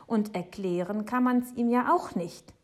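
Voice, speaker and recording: A woman narrating a children's book, in a hushed, intimate storytelling manner. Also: mid-range voice, a little slow. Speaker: audiobook narrator.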